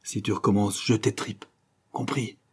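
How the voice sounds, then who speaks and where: A man's voice: fairly low pitch, fairly even intonation, moderate pace. Man roaring as a savage young brawler. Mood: furious. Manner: shouting, hoarse roars. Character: seventeen-year-old male street brawler, savage and furious.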